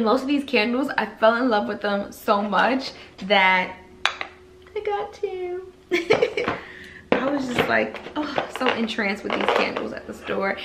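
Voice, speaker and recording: A woman's voice: fairly high pitch, background noise. Gushing young woman vlogger at home. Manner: gushing, enthusiastic. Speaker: beauty vlogger. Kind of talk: casual product haul. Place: living room at home.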